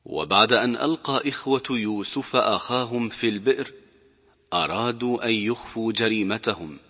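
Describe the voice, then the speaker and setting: A man tells a religious story in a measured, steady narrating voice. His voice sits a little low but comes across bright and forceful. A noticeable reverb trails after his words. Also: slightly rough.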